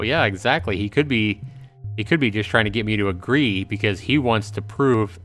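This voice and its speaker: Here a man with a voice on the low side and a bit of brightness hosts a livestream of a visual novel. His commentary is casual and repetitive, as he thinks aloud and talks to chat.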